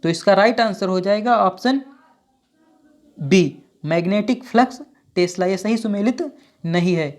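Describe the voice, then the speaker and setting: A woman teacher reading out exam questions and options and then giving each answer, with steady, repetitive phrasing. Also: medium pitch, measured pace, pauses often. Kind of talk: exam quiz walkthrough.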